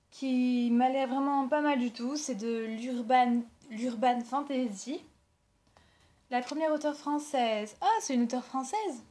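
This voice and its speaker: A woman's voice: a little high, a little mellow. A young woman from France chatting casually about books she received and bought, rambling with lots of fillers and self-corrections. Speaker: book blogger. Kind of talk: casual book haul vlog.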